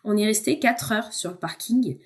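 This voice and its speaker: A woman's voice: mid-range voice, normal speed. A woman who is a podcast guest, telling a personal story in a candid, conversational way and addressing the host informally. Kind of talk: personal storytelling in a casual chat.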